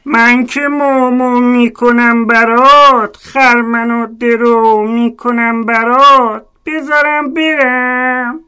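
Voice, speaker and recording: A woman voicing a gentle, hardworking cow who talks slowly and lows in a storybook. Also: steady tone, smooth. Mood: hurt. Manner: slow, lowing.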